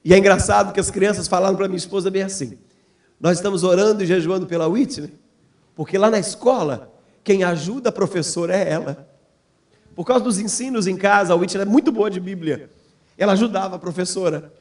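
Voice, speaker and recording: High-voiced preacher man telling a story. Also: a little fast. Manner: storytelling, acts out quoted voices, rising to fervent appeal. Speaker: missionary preacher. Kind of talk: sermon testimony. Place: church.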